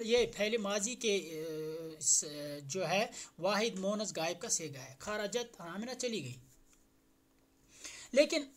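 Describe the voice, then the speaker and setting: Male teacher, from India, Arabic grammar lesson, slow repeated phrases, questions to the class. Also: high voice. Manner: repeats Arabic phrases slowly, then translates; poses questions to students before answering. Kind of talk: grammar lesson explained in Hindi-Urdu.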